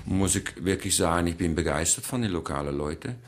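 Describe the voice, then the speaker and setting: A Dutch choreographer from the Netherlands answers interview questions hesitantly and with lots of fillers. He has a low voice, a Dutch accent and a fairly quick pace.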